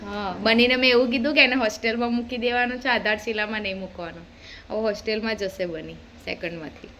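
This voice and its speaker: Bright-voiced chatty mom vlogger. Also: female voice, fairly high pitch, fairly even intonation, a little fast, a little hiss or hum. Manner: chatty, teasing and scolding her kids. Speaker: vlogger and mother. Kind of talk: casual home vlog chat. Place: home.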